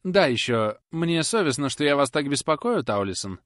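A man's voice: very animated, normal speed, a bit bright, no echo, studio quality. A man reading an audiobook and voicing a timid, fussy genteel lady who speaks in a hesitant, fawning way. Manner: hesitant, fawning, high-pitched.

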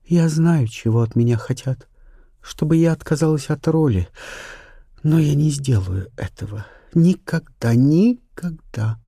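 A man's voice: on the high side, animated, measured pace, vocal fry, dark tone, slightly rough, no echo, clean studio sound, pitched above the performer's own voice, full character voice. A man voicing a frightened young actress. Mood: insistent. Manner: trembling, breathless, half-whispered. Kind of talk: audiobook character reading.

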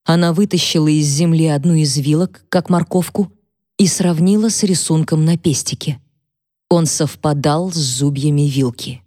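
A woman narrating a historical novel in even, measured scripted storytelling. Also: low voice, no room sound, clean studio sound. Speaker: audiobook narrator.

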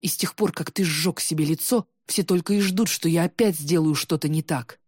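A woman voicing a bitter, jealous young man who shouts resentfully, his voice breaking with tears. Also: low voice, brisk, slightly rough, dry recording, studio quality. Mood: bitter, shouting.

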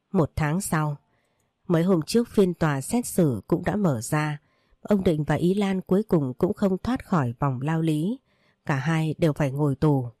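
A woman narrating an emotional story in a steady reading style. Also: low-pitched, no echo, clean studio sound.

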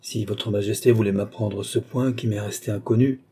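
A man's voice: lowish voice, fairly even intonation, normal speed, mellow, a little hiss or hum, natural voice. A man reading the part of a flustered, deferential royal tutor who answers hesitantly and nervously. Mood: bewildered. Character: flustered elderly male royal tutor, timid and evasive. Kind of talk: audiobook character reading.

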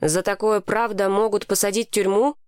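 A woman's voice: medium pitch, steady tone, a little fast, darkish tone, clear, resonant tone, dry recording, clean studio sound, close to an everyday voice. A woman voicing a nervous, earnest young boy. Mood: anxious.

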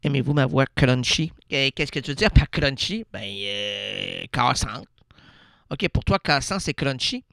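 A man's voice: medium pitch, lively intonation, unhurried, vocal fry, a bit bright, dry recording. A man with a Québécois accent hosting an absurd improvised radio monologue, rambling playfully and laughing at his own jokes into a studio microphone. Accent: Québécois French. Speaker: radio host.

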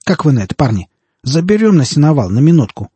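A man's voice: on the high side, sing-song, quick pace, mellow, breathy edge, no room sound, voice pushed up, exaggerated voice. A man voicing a leering fat male thug who jeers boisterously. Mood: jeering. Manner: jeering, boisterous.

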